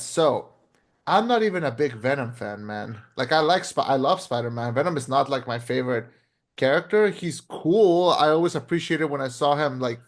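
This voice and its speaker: Brief: young male podcast host, slightly higher voice, blunt, casual, swears a lot. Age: 20s. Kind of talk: casual movie review chat.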